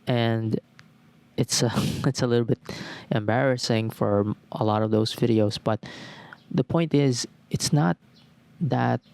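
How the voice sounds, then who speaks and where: Young male podcaster, mid-pitched, thoughtful solo monologue with phrases stacked in lists. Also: takes it slowly, creaky, long pauses, darkish tone, dry recording. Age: 20s. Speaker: podcast host. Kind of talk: reflective solo talk.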